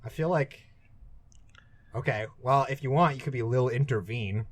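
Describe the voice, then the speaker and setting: This young man co-hosts a podcast, chatting casually and joking around with frequent hesitant restarts. His voice sits at medium pitch and moves at a moderate pace, and the recording is dry.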